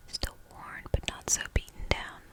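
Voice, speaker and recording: A woman reading a novel aloud for ASMR in a soft, hushed whisper, slow and deliberate.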